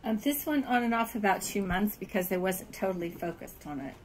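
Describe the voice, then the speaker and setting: A Californian woman with an American accent chats casually and laughs while showing off a world she built. Her voice is medium-pitched and fairly quick, and the rough recording carries a bit of hiss or hum.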